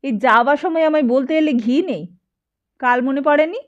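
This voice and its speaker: A fretful, short-tempered older widow scolds her household in a raised, complaining voice, as a woman narrator puts her on. The voice sits high and the audio is a little dull and lo-fi. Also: normal speed, dark tone, close to an everyday voice. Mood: exasperated.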